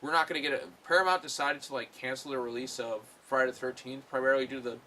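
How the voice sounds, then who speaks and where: A man's voice: mid-range voice, fairly even intonation, fast, bright, forceful tone, slight background noise. A man giving a casual, rambling film review, full of fillers and blunt swearing. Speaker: movie reviewer.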